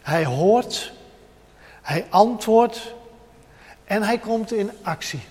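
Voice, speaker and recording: Guy preaching slow, high voice, lots of repeating, long echo like a big church hall. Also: expressive, darkish tone. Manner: emphatic, repeats short phrases in build-ups; addresses listeners directly. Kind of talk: sermon.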